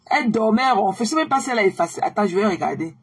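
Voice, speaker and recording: A weary woman chats casually with her live-stream audience. Her voice is husky and a little breathy, pitched in the middle. She circles back over the same phrases and mixes in bits of English. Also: animated, very fast. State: tired.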